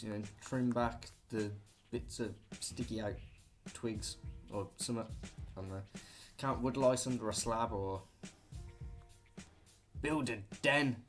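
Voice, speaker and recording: A young man with a British accent rambles through a casual list, trailing off into offhand jokes. His voice sits a little low. Faint music plays behind him. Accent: British English. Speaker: vlogger. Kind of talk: casual listicle monologue.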